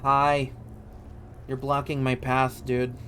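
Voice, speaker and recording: A man's voice: medium pitch, monotone, slow pace, a bit bright, slight background noise. A man hosting a gaming video with casual, slangy let's-play commentary and a wry, joking manner.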